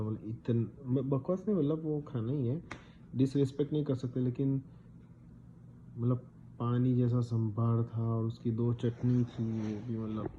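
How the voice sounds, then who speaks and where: Chatty man telling a story, dull recording. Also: mid-range voice. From India. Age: 30s. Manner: chatty, mixes English words into his talk, frequent fillers. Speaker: vlogger. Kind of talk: casual storytelling vlog. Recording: slightly dull sound with faint background noise.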